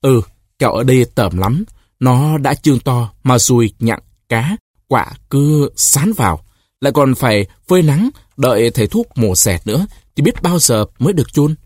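A man's voice: mid-range voice, expressive, moderate pace, darkish tone, dry recording, clean studio sound, close to an everyday voice. A man voicing a stern, greedy male district magistrate who speaks in a cold, officious way, in a storybook reading. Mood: disgusted.

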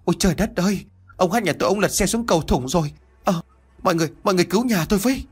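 Guy doing a wailing village wife, frantic and high-pitched, storybook audio. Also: very fast, darkish tone, breathy edge. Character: grieving village wife crying for help.

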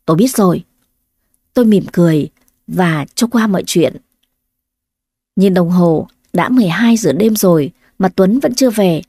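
A woman's voice: on the low side, moderate pace, dark tone, dry recording. A woman narrating a first-person family drama, plaintive and emotional in her own lines. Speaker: storyteller.

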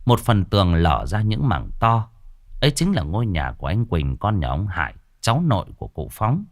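A man narrating a ghost story in a lively, dramatic way. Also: lowish voice, moderate pace, dry recording, clean studio sound.

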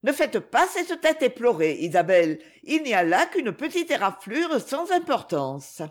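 A cool, scornful young noblewoman who brushes things off with a raised, airy pitch, as a woman reader performs her. She sounds dismissive and affected, with a lively lilt in her voice. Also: unhurried.

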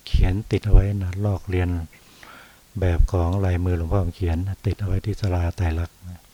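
A Buddhist monk from Thailand giving a dhamma talk, unhurried, often pausing on soft particles and repeating phrases. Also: male voice, low voice, flat delivery, a little hiss or hum. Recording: dull lo-fi recording.

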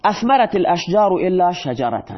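A man teaches a grammar lesson with a high-pitched voice. He puts questions to the class and answers them himself, and he reads the example sentences out slowly. The recording sounds dull and muffled. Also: big pitch swings. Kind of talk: explaining Arabic grammar in Persian.

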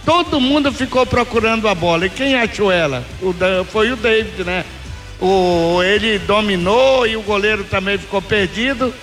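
A man's voice: high-pitched, normal speed, fairly bright tone. A Brazilian man giving conversational live match analysis on the radio, often repeating himself. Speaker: football analyst. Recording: radio broadcast with music behind.

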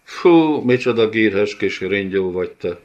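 A man's voice: on the low side, muffled recording. A man voicing a huge, cruel male beast-warlord in an audiobook, with a sneering, mock-tender way of taunting. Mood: gloating cruel. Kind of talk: audiobook character voice.

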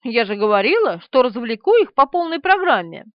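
A woman's voice: a little high, sing-song, a little fast, no echo. A woman voicing a feisty, mischievous young woman with a bold, teasing manner in an audiobook. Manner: bold, teasing, sharp-tongued. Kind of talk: audiobook character reading. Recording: dry, slightly dull studio recording.

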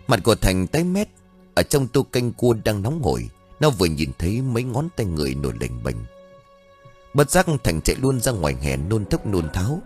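A man's voice: on the low side, sing-song, moderate pace, darkish tone, faint music behind. A man reading a horror story aloud as an audiobook narrator, telling it in a dramatic way.

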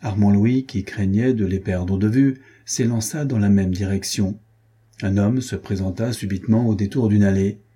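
Dark, husky-voiced male narrator. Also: lowish voice, normal speed. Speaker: audiobook narrator. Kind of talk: scripted narration of a classic novel.

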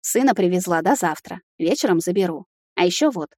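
A woman reading the lines of a calm young ex-wife in an audiobook, soft, brief and matter-of-fact. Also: on the low side, brisk, breathy edge, dry recording, clean studio sound.

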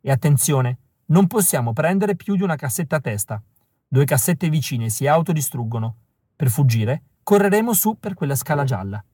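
A young woman rebel from an audiobook, cold and calculating, laying out a plan as a man reads her part. Her lines sit a little above the reader's normal pitch, and the recording is close and dry. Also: lively intonation, moderate pace, mellow, husky, no echo. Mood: cool briefing. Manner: cold, briefing tone.

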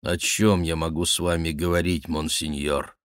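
A man's voice: extremely low pitch, little pitch movement, moderate pace, clear, resonant tone, dry recording, clean studio sound. A man voicing a sick, sullen nobleman in an audiobook, speaking tersely and coldly in a muttered tone. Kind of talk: audiobook reading.

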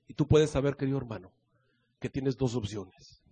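A man with a Mexican accent preaching a sermon, telling the story in an animated, colloquial way full of slangy asides. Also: medium pitch, moderate pace, breathy edge.

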